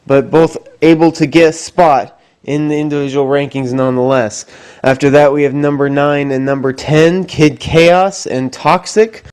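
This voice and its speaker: A man's voice: fairly high pitch, darkish tone, clean tone. A man hosting a wrestling show, announcing in promo style with emphatic, dramatic stress like a showman.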